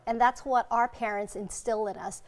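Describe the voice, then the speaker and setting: A woman's voice: on the high side, steady tone, normal speed. A woman from Vietnam, a functional medicine doctor and TV interview guest, telling her story in an earnest, heartfelt way. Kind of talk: TV interview answers.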